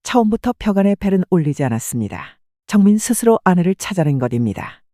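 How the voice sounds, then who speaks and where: A woman's voice: fairly low pitch, sing-song, quick pace, mellow, no room sound, studio quality. A woman reading scripted horror stories as narrator.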